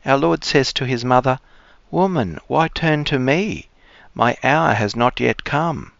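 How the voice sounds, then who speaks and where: A man speaking as a cleric, giving measured, formal scripture readings and reflection. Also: mid-range voice, creaky, fairly bright tone, dry recording. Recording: dry, slightly dull close sound.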